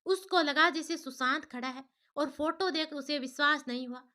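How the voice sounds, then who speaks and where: Woman storyteller, high clear bright tone, steady scripted narration. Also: moderate pace. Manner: steady, plain first-person telling.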